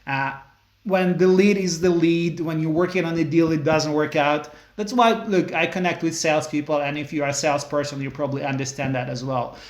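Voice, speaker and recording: A man hosts a webinar in a somewhat high voice. He talks informally and leans on fillers. His voice sounds echoey, as if recorded in a bare room. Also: fairly even intonation, a little fast. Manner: informal, uses "look" and "like" as fillers. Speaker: webinar host. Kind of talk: casual interview.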